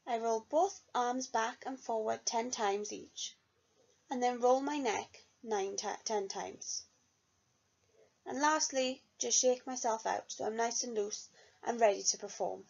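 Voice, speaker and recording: This young music student's voice is on the high side, darkish and slightly rough, with vocal fry as she takes her time reading an earnest reflection on her year of vocal study. It was captured in a dull, lo-fi recording.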